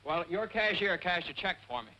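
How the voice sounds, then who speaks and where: An actor playing a mild, awkward young nephew, hesitant and polite, in 1940s screwball comedy banter. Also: male voice, high-pitched, lively intonation, a little fast, pushed and bright, lo-fi sound, exaggerated voice. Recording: faintly noisy 1940s film soundtrack.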